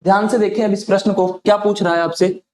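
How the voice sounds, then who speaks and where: Male tutor, very high pitch, question-and-answer drilling style, roomy echo. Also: fairly even intonation, fast talker, darkish tone. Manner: asks a question, then answers it himself. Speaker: teacher. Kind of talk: exam-prep lesson. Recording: echoey room.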